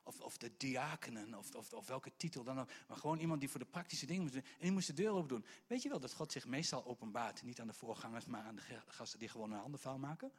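A male preacher, telling a story in a lively sermon and swinging between hushed and loud delivery with stammering restarts. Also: mid-range voice, fast, few pauses, breathy edge.

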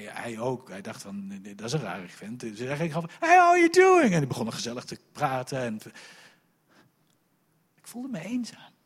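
A middle-aged male pastor preaching with a lively, sweeping pitch and a husky edge to his voice. He tells stories emphatically and pushes hard on the big lines of his sermon. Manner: animated, emphatic storytelling preacher.

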